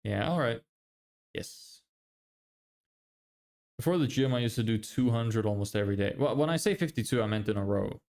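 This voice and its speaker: A man chatting through a live-stream Q&A, reading questions from the chat and answering them offhand. His voice sits at an ordinary middle pitch for a man. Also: moderate pace, vocal fry, long pauses, darkish tone. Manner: reads chat questions aloud, then answers loosely.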